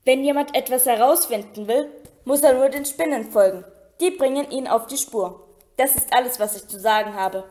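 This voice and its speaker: A towering, gruff giant of a man, as a woman reads him in an audiobook. He blusters loudly in a raised, urgent voice. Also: high-pitched, a little fast, hardly any pauses, lightly acted. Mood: cautious. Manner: blustering, shouting.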